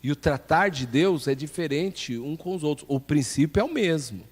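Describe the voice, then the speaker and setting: A man's voice: on the high side, animated, moderate pace. A man with a Brazilian Portuguese accent, a pastor teaching a ministry class in a church, who puts questions to the class and answers them himself. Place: church hall. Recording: long hall reverb.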